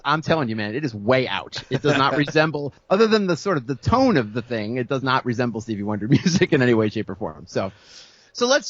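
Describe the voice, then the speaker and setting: A man co-hosting a podcast, telling a music-history story in a casual, animated way, acting out the people he quotes and laughing often. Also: medium pitch, dry recording, lo-fi sound. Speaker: podcast co-host.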